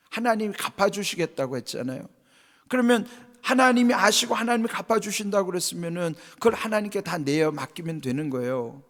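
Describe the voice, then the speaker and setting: A man preaching a sermon as a pastor, emphatic, full of rhetorical questions, with his voice swinging between loud and hushed. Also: on the high side, big-room sound. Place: church sanctuary.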